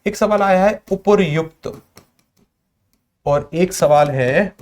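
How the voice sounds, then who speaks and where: A man teaching a spoken grammar lesson, sounding out letters slowly and putting questions to the class that he then answers himself. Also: high voice, darkish tone. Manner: explains by asking questions and answering them himself. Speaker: Hindi teacher.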